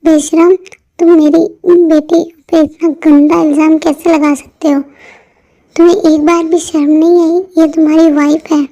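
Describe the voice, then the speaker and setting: A woman's voice: extremely high pitch, level tone, unhurried. Woman voicing an anxious scolding mother. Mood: anxious, angry. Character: worried, fierce middle-aged mother. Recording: muffled lo-fi audio with soft music.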